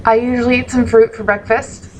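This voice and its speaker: A woman's voice: fairly high pitch, little pitch movement, a little fast, a little hiss or hum, low-quality recording. A young woman vlogging in a casual, rambling way, full of ums and likes, sounding sleepy. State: sleepy, yawning. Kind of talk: casual chat to camera.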